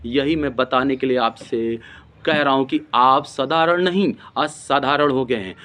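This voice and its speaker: A man's voice: medium pitch, a little slow, a bit bright. A man preaching a sermon, repeating phrases for emphasis and breaking into speaking in tongues. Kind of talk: Hindi sermon with Bible reading.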